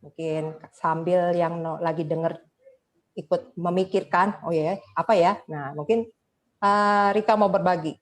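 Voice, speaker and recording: A woman's voice: on the low side, fairly even intonation, a little slow. A woman from Indonesia co-hosting a podcast in casual chat, talkative and laughing often, with English words mixed into her speech. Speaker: podcast co-host.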